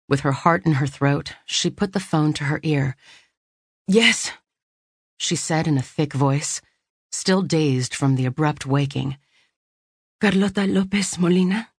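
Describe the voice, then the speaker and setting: A woman narrating a novel in measured audiobook storytelling on a close studio mic. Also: sits low, dry recording.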